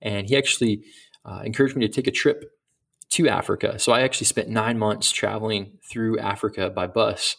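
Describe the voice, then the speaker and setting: Low gravelly-voiced man, earnest. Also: steady tone, brisk, fairly bright tone. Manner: earnest, reflective, with many restarts. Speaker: missionary guest. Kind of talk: casual interview talk.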